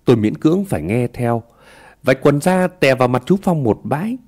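A man narrating a ghost story in a slow, hushed storytelling manner. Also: mid-range voice, animated.

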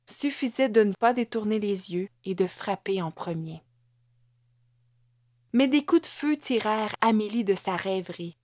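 A woman reading an audiobook novel in measured, deliberate narration. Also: medium pitch, a little mellow, dry recording, clean studio sound. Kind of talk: scripted narration.

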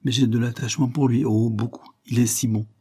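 A man voicing a shy, flustered young noblewoman in a read-aloud novel, pitching his husky voice up for her replies. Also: fairly even intonation, a little fast, warm tone, close to an everyday voice. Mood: shy, earnest.

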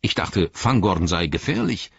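A man voicing a blunt, gruff dwarf warrior in an audiobook, pitched up from his own low voice. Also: lively intonation, measured pace, fairly bright tone, no echo, lo-fi sound, heavily acted.

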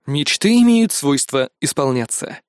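A man narrating an audiobook in a lively, ironic storytelling manner. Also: medium pitch, unhurried, soft background music. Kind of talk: audiobook reading.

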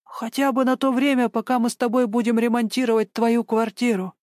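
A woman's voice: on the high side, flat delivery, a little fast, darkish tone, dry recording, clean studio sound, pitched above the performer's own voice, lightly acted. A woman voicing an anxious, protective older man who speaks with urgent, indignant questions. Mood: persuasive.

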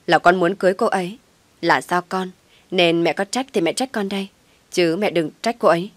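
Brief: woman reading as a pleading young man in a storybook, soft coaxing, low dry voice. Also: steady tone, brisk, dry recording, natural voice. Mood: sharp.

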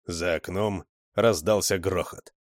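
A man reading a story aloud as narrator, steady and even. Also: low voice, slow pace, dry recording, studio quality. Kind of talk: scripted audiobook narration.

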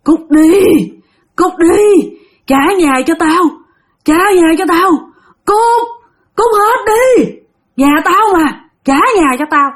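A woman voicing a vengeful female ghost who possesses a small boy, shrill, snarling and desperate. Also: animated, takes it slowly, full character voice. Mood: furious.

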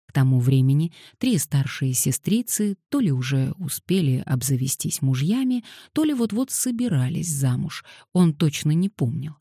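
Brief: woman audiobook narrator, deep-set and warm in tone, even wry delivery. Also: husky, no echo, clean studio sound.

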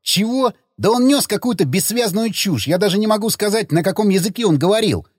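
A man voicing a flustered, exasperated young man in an audiobook, pitching his voice up. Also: wildly swooping pitch, normal speed, slightly rough, no room sound, studio quality, exaggerated voice. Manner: exasperated, whiny.

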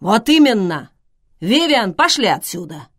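A woman voicing a brash, boastful man who talks loudly and blusters. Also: medium pitch, lively intonation, measured pace. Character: boastful battered man, brash film-world type.

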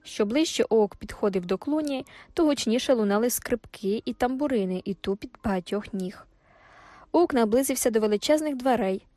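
A woman reading a classic novel aloud as an audiobook narrator, in a measured, even way. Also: a little high, no room sound, soft background music.

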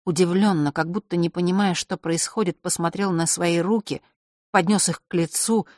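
A woman reading a fantasy audiobook as narrator, with expressive storytelling. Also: on the low side, moderate pace, dry recording, clean studio sound.

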